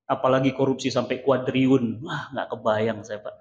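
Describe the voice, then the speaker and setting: A man preaching a sermon to a mosque congregation, animated and theatrical, acting out the voices he quotes. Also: mid-range voice, normal speed, slight background noise. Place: large mosque hall. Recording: echoey, dull mosque PA recording.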